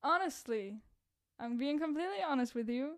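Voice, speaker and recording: Woman podcaster, somewhat high voice with cracks, loose rambling self-mocking delivery. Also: animated, normal speed. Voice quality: voice cracks, a bit rough. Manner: rambling, self-deprecating, laughs at own jokes. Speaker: podcast host and content creator. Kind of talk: casual solo podcast chat.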